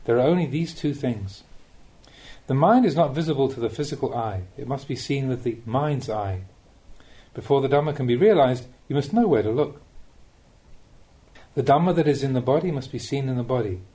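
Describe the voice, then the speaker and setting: Buddhist teachings are read aloud by a male narrator in this audiobook version of a spiritual talk. His delivery is measured and teacherly, the tone soft and mellow, the pitch animated.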